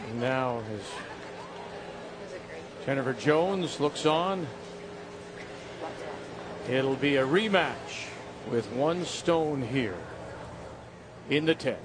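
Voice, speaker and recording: A man's voice: medium pitch, animated, extremely slow, long pauses. A man giving live play-by-play commentary on a curling match. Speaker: sports commentator. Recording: noisy arena behind broadcast commentary.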